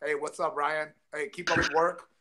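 Speaking from a room at home where a framed jersey hangs, a former fighter from Taiwan in his forties rambles through casual interview stories over a video call, full of fillers and restarts. His voice is a little high, pushed and bright, with little pitch movement and a moderate pace, captured close up by a webcam.

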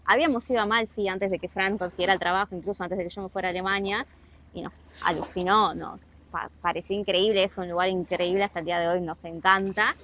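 This young Argentine travel vlogger talks fast with fairly even intonation, her mid-range voice a bit bright and her Rioplatense accent clear. She explains working abroad casually to camera with many asides, on seaside rocks and then a harbor, and the recording is rough.

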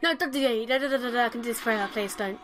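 A woman's voice: fairly high pitch, rapid-fire, a bit bright. A young woman playing a horror game alone at home, commenting casually, jumpy and swearing as she panics. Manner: jumpy, swears a lot, panics and repeats herself. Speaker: let's play host. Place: her room at home. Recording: noisy home recording with buzz.

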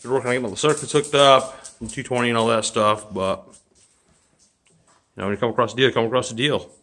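A man's voice: medium pitch, steady tone, fast talker, a bit bright. A man talking offhandedly while filming his garage and yard on his phone. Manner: offhand, rambling, with fillers. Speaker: vlogger. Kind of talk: casual walkthrough vlog. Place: garage and yard, partly outdoors. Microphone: phone held while filming.

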